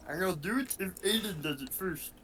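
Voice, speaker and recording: Animated man in a very noisy recording. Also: high-pitched, normal speed. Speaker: tabletop game player. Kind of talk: casual joking chat. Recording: loud noise, clicks.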